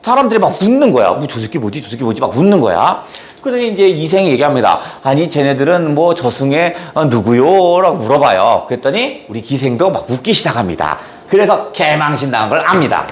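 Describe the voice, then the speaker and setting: In a sing-song, fairly high voice, a teacher moves fairly quickly with few pauses as he retells a story to his class. He keeps it casual and playful, performing the quotes and ribbing students with some mild swearing.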